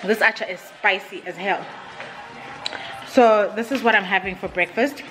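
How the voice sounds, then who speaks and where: A young woman chatting casually to a handheld camera for her vlog, animated and laughing between phrases. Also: medium pitch, normal speed, some chatter behind, rough recording. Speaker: vlogger. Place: gym, kitchen and parked car. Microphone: handheld camera at arm's length. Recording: loud music playing behind her.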